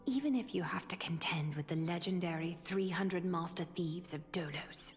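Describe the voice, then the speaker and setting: Woman voicing a serene noble leader in a game, solemn and measured, kinda low, music behind. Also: close to an everyday voice. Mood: solemn, encouraging. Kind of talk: video game voice acting.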